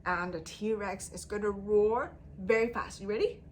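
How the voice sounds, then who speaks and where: This time the storytime leader's voice sits in the mid-range, a little mellow and measured in pace, with slight background noise. She guides young children through the interactive lesson in an exaggerated sing-song style, full of prompting questions and repetition.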